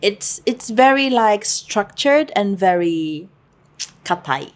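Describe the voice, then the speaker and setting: A woman's voice: mid-range voice, animated, takes it slowly. A woman in her thirties from Spain, a guest on a podcast, talking casually with lots of fillers and frequent laughter. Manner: chatty, laughs often, many fillers. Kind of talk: casual chat.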